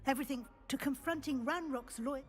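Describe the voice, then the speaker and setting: Proper, high-voiced lady professor woman acting. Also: brisk, lightly acted. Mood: wary concern. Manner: formal, polite but firm. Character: proper, concerned female deputy professor, politely sceptical. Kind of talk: video game acting.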